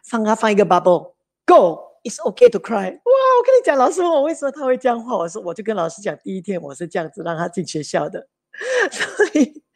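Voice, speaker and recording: Lively woman telling stories. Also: on the high side, quick pace. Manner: lively anecdotes, mixes English words into Mandarin. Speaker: interview guest, mother of three. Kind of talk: casual storytelling interview.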